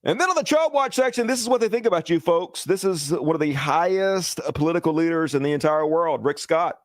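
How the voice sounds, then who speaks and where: A man's voice: on the high side, animated, fairly quick, no room sound, clean studio sound. A man hosting heated political commentary, ranting with profanity and calling his viewers "folks".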